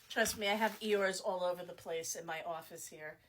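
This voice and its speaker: Showing off products from her small shop, a middle-aged woman chats casually with frequent fillers and laughter. Her voice is fairly low, a bit bright and going hoarse, and she talks a little slowly.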